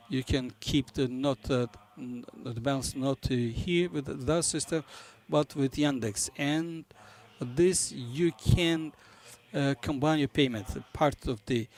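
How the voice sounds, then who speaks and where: Guy presenting at a business conference, non-native english, kinda halting, hunting for words. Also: medium pitch. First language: not English. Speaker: conference presenter for a banking software company.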